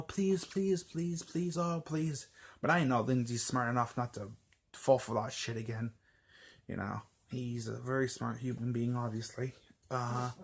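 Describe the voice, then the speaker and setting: A man vents to his camera, mid-range in pitch. He rambles, stumbles over restarts and fillers, and swears freely. The anger stays on throughout. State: angry. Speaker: vlogger. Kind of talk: casual ranting vlog.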